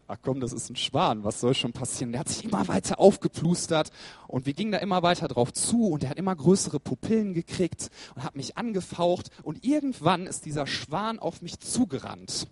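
A man's voice: sits high, husky, no echo. A man preaching a sermon, who tells funny stories and speaks straight to his listeners with questions. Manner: humorous storyteller. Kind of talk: sermon with personal anecdote.

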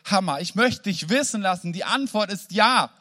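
Preacher doing a gushing overjoyed church guy, high and loud, exclaiming. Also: expressive, moderate pace, full character voice. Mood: ecstatic. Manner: exclaiming, emotional. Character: overjoyed man gushing to his pastor.

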